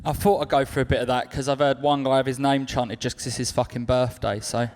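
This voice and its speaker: A man's voice: medium pitch, level tone, quick pace, background noise. A man with a South London accent doing live stand-up comedy, chatty and cheeky with the audience in slangy speech.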